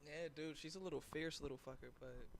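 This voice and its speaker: A young man from California talks in a casual podcast chat, full of slang and swearing. His voice sits a bit high, and he keeps calling his friend "bro". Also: quick pace. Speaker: podcast co-host.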